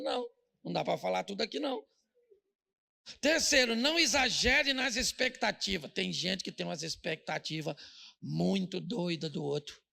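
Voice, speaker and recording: Gravelly, high-pitched Brazilian preacher. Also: male voice, fairly bright tone. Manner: storytelling, jokey, asks the audience rhetorical questions. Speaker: pastor. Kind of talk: humorous sermon.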